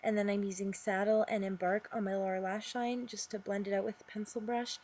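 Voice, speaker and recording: A young woman talking casually through her makeup routine in a voice-over, chatty and rambling, with fillers and quick apologies. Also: mid-range voice, level tone, a little mellow, slight background noise. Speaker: makeup vlogger.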